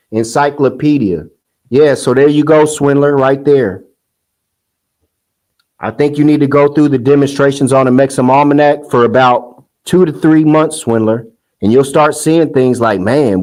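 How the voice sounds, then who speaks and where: A man's voice: mid-range voice, unhurried, darkish tone, rough recording. Scoffing man ranting in casual commentary. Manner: heated, scoffing, rambling with restarts; sing-song mocking quotes. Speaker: commentary host.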